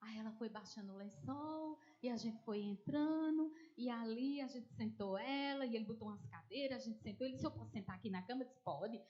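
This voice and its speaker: A woman's voice: on the high side, brisk, hardly any pauses, highs cut off. A woman with a Northeastern Brazilian accent preaching a testimony, telling the story with animation and acting out the voices of people in it. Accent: Northeastern Brazilian Portuguese. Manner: animated storytelling, acts out quoted voices, addresses listeners as dear ones.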